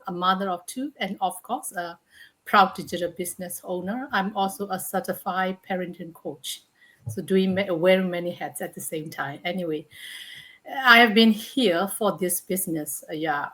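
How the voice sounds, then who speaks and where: A woman in her sixties, retired, talks as a guest on a casual livestream. Her voice is bright and tense with a lowish pitch, and she speaks chattily, dropping in "you know" again and again. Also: low-quality recording. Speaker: guest panelist.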